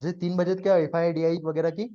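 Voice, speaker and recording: A man's voice: on the high side, level tone, fast talker, mellow, muffled recording. A man teaching a live trading class to students, explaining step by step and often checking that they follow.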